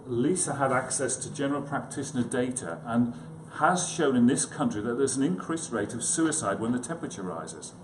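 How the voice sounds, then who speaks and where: In an echoey, noticeably noisy conference room, a psychiatrist gives a casual talk in an expressive mid-range voice. He speaks fairly quickly with few pauses. His manner is hesitant and self-deprecating, with conversational asides to the crowd.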